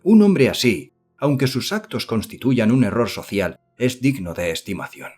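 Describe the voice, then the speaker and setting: A man voicing an earnest, excitable young idealist who speaks eagerly and effusively in an audiobook. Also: mid-range voice, normal speed, slightly rough, faint music behind.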